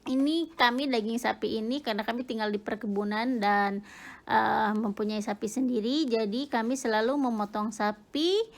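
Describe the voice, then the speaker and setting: A middle-aged woman from Indonesia chatting casually with lots of fillers and giggles while cooking in her home kitchen for her vlog. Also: fairly high pitch. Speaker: cooking vlogger.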